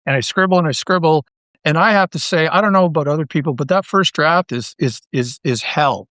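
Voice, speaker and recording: Interviewed as a guest, this audio drama writer from Canada speaks quickly in a somewhat high voice, captured very dry without any room sound. His relaxed storytelling is lively and meandering, and he tends to say a phrase twice before continuing.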